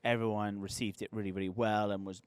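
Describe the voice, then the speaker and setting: An English man in his late thirties hosting a podcast in casual, chatty conversation, easygoing and quick to laugh. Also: lowish voice, little pitch movement, clear, resonant tone, no room sound. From England. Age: 30s. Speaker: podcast host. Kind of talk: casual chat.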